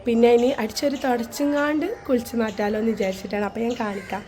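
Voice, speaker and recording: A young woman talks casually into a phone camera, chatting with her viewers in a family vlog. Her voice sits a little high. Faint background noise runs under the recording. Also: fast, warm tone. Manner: chatty, rambling, addresses viewers as guys. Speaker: vlogger.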